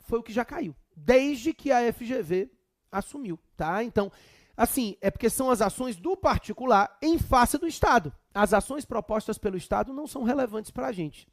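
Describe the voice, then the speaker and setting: Lively Brazilian man teaching law. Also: extremely high pitch, moderate pace, dry recording, clean studio sound. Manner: lively, chatty, humorous asides. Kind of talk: exam prep lecture with anecdotes.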